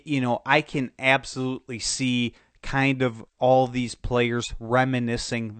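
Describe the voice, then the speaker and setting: A man's voice: medium pitch, a bit bright, clean tone, no echo. A man talks through a cold, his voice nasal and congested, rambling through casual sports commentary with frequent restarts and fillers. The recording is dry and close, with no room sound around him. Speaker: podcast host.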